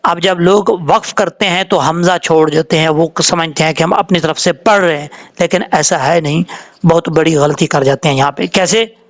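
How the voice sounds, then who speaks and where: A man teaching Quran recitation rules, explaining calmly and drawing out the words he demonstrates. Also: a little high. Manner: explains slowly, drawing out Arabic words when showing them. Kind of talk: tajweed lesson with slow demonstrations.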